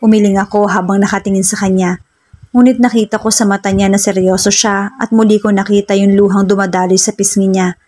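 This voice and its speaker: A woman narrates a first-person romance serial in a slow, heartfelt reading. Her voice is husky and sits at a middle pitch. She speaks as the show's regular storyteller. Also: level tone, darkish tone, low-quality recording.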